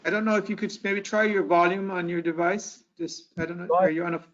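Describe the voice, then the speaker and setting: A high-pitched man leads a board meeting over a video call, stopping and restarting his sentences as he presses a point. His audio is somewhat muffled, like a typical call connection. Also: little pitch movement, a bit bright. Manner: halting, restarts often. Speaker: meeting chair. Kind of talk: virtual board meeting discussion.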